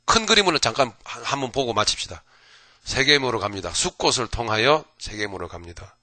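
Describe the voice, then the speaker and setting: A male pastor giving an early morning Bible lecture in a folksy, animated way, jumping between loud outbursts and whispers and often asking his listeners "right?". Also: mid-range voice, brisk, no room sound.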